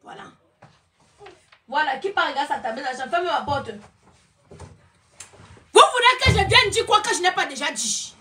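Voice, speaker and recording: A woman's voice: sits high, animated, unhurried, pauses often, pushed and bright. A woman, a film producer ranting and scolding her viewers on a live social media video. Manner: scolding, mocking, insulting. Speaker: film producer running a casting.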